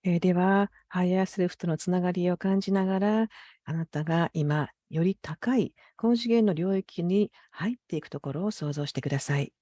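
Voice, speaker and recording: A woman's voice: lowish voice, normal speed, warm tone, no room sound. A woman working as an interpreter for a guided meditation, speaking politely and carefully with hesitant phrasing. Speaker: consecutive interpreter.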